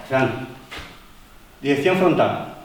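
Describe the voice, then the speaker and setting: A man instructing a martial arts class, explaining to the group with many fillers and pauses. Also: medium pitch, animated. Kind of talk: live seminar demonstration. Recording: echoey hall, voice from far off, faint noise.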